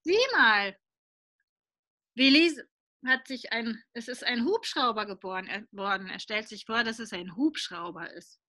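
A woman reading a picture book aloud to children, lively and asking them questions along the way. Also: fairly high pitch, a little slow.

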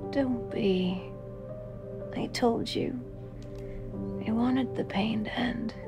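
An actress playing a frail, gentle dying wife in a video game, speaking softly and breathily. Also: female voice, fairly high pitch. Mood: tender. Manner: soft, breathy and slow. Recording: video game audio under music.

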